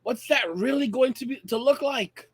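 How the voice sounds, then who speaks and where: Addressing his viewers straight on like a channel host, this late-thirties American man delivers opinionated commentary in a distinctly high-pitched, slightly rough voice at normal speed. He hammers his points and repeats phrases for effect, captured in a dry, close recording.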